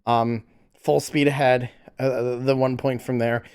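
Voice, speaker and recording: A man's voice: medium pitch, little pitch movement, unhurried, a little mellow, clean tone. A man streaming a casual reaction to music, exclamatory, often stammering and repeating himself as he talks. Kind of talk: casual excited reaction chat.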